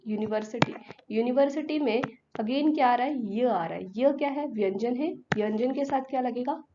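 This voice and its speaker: Lady teacher explaining articles, fairly high voice, dull lo-fi sound with a bit of hiss. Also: normal speed. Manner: asks questions and answers them herself; mixes Hindi with English words. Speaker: English teacher. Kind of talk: exam-prep grammar lesson.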